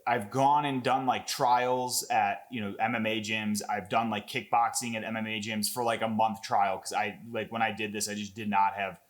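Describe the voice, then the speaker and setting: A young man talking casually and excitably as he breaks down a fight clip, rambling with lots of fillers and swearing. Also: lowish voice, moderate pace, hardly any pauses. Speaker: MMA content creator.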